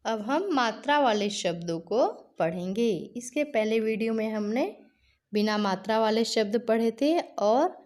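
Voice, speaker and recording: A woman's voice: on the high side, measured pace, a little mellow. A woman teacher giving a patient reading lesson for children, carefully stretching out each example word.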